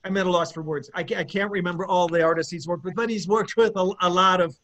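A man with a notably high voice, a rock bassist giving an interview. He rambles, stumbles and restarts, but his enthusiasm for the music comes through. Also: fairly even intonation, fast, a bit bright. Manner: rambling, searching for words, lots of restarts. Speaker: bass player in an eighties rock band. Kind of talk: casual interview chat.

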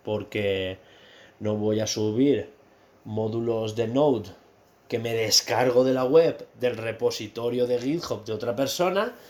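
A man's voice: medium pitch, unhurried, darkish tone. A man from Spain in casual chat, explaining things at length and laughing easily.

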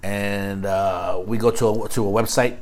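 A man's voice: lowish voice, fairly even intonation, a little slow, a little mellow. Man podcasting casually from a garage, swearing freely. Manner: slangy, calls others dude and dog. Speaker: podcast co-host. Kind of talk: casual chat, heavy swearing. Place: recording in a garage.

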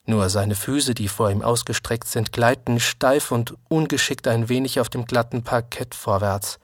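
Husky male storyteller. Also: mid-range voice, no echo, clean studio sound. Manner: calm, measured. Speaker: narrator. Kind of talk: literary story reading.

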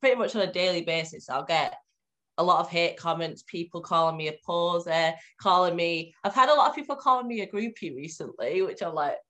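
A woman's voice: fairly low pitch, brisk, pushed and bright. A woman in her twenties with a Cumbrian accent, chatting casually and informally as an interview guest. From Cumbria, northwest England. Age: 20s. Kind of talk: casual chat.

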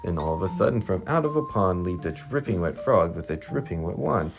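Woman reading a kids' book aloud, super low gravelly voice, music playing. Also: brisk. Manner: lively rhyming read-aloud. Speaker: reader to a child.

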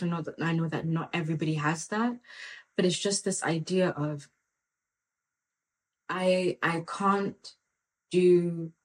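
Earnest woman with a lowish voice. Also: low-quality recording. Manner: earnest and animated, full of "like" and "come on". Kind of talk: casual faith talk with personal story.

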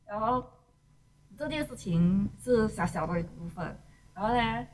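A woman's voice: mid-range voice, expressive, unhurried, darkish tone. A woman chatting casually and laughing often as she tells a story. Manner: laughs often while telling stories. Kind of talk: casual chat. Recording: distant mic with crowd noise behind.

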